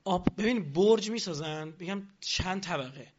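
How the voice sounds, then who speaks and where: A man's voice: sits high, animated, highs cut off, background noise. A man giving a lecture on politics, addressing the audience with rhetorical questions.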